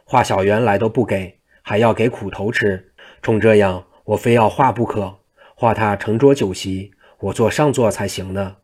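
A man's voice: fairly low pitch, normal speed, a little mellow, close to an everyday voice. A man voicing a scruffy, mischievous monk who teases in a cocky, cheeky way. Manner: teasing, cheeky.

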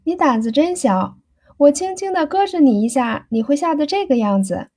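A woman's voice: high-pitched, expressive, normal speed, a little mellow, pitched above the performer's own voice. A woman voicing an impatient, teasing young society woman in an audiobook reading, pressing and playful.

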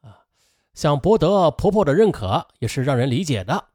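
A man's voice: fairly high pitch, normal speed, no echo, studio quality. A man telling a true-crime story with many conversational asides and a strongly rising and falling delivery. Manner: lively rise and fall, chatty asides.

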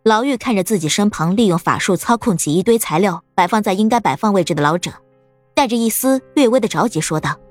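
A woman narrating an audiobook story in a steady, expressive storytelling manner. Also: mid-range voice, quick pace, dry recording, faint music behind.

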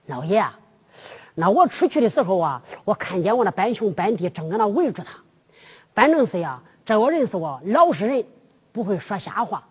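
A storyteller voicing a timid, deferential male yamen clerk, speaking low and hushed. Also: takes it slowly, big-room sound.

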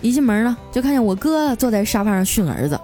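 A woman podcast host telling comic stories in a lively, playful way. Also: a little high, soft background music. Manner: lively, playful with frequent drawn-out particles. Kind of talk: comic storytelling.

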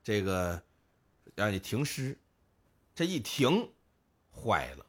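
A man, co-hosting a podcast and telling a folk tale in lively, casual speech, putting on the voices of the villagers. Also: fairly low pitch, slow, breathy edge. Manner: lively storyteller, acts out village voices, northern colloquial. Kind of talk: casual storytelling chat.

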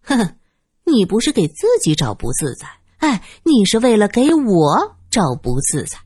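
A woman's voice: mid-range voice, wildly swooping pitch, moderate pace, darkish tone, husky, no room sound, clean studio sound, pitched above the performer's own voice. A woman voicing a proud young woman who speaks sharply and impatiently. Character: proud young woman, blunt and quick to anger.

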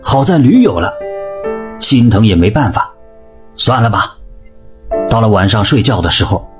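A man narrating a comic folk tale in a dramatic, lively storytelling manner. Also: lowish voice, normal speed. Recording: music bed behind voice.

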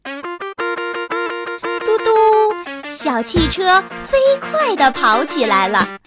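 A woman tells a children's bedtime story in a slow, sing-song way. Her voice sits high and moves a lot, with clear music playing underneath. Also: wildly swooping pitch. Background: soft music.

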